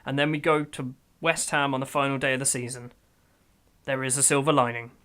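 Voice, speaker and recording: A man giving let's-play commentary over a football management game, excitable, swinging from grumbling to loud outbursts. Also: mid-range voice, a little fast. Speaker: gaming YouTuber.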